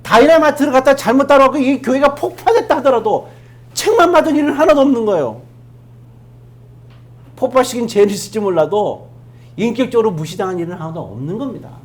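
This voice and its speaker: Animated preacher questioning the congregation. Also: mid-range voice, fast talker. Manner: asks the congregation rhetorical questions, emphatic; swings from loud emphasis to hushed asides. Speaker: pastor. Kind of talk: sermon. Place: church sanctuary.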